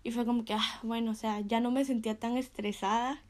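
A woman's voice: on the high side, fairly even intonation, a little fast. A young woman sharing a casual devotional talk, chatty and full of fillers, often laughing between phrases.

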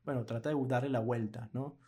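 Man, casual podcast chat, animated, laughs often, middle pitch. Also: fairly quick. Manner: animated, laughing, acts out quoted clients. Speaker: podcast co-host.

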